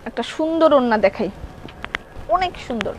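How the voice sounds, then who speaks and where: A woman with a sore throat selling clothing live in a showroom. She chats quickly, reads viewer comments aloud and keeps repeating prices and how to order. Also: high-pitched, slight background noise. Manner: chatty, lively, repeats prices and order steps. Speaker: online clothing seller.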